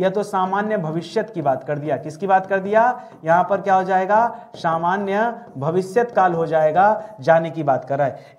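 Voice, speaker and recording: A man's voice: high-pitched, darkish tone. A man teaching a grammar lesson online, who keeps asking the class a question and answering it himself, repeating key terms as a drill. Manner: asks a question and answers it himself, calls listeners friends.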